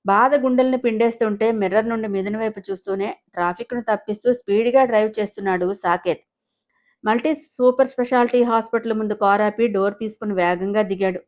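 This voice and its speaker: A woman's voice: mid-range voice, a little mellow, highs cut off. Woman narrating a dramatic audio story. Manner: dramatic, emotive reading.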